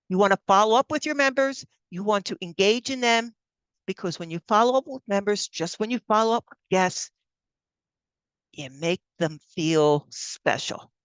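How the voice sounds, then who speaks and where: A woman giving a lively motivational workshop talk to club members. She fires rhetorical questions at the audience and acts out friendly greetings to members. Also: medium pitch, smooth, no echo. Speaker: Toastmasters speaker on member engagement.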